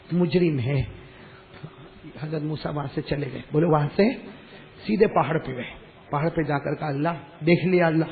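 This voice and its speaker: A man preaching a sermon, telling a story dramatically with rising, emotional peaks. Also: fairly high pitch. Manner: dramatic, voices the characters, builds to loud emotional peaks. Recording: tinny lo-fi recording in a reverberant hall.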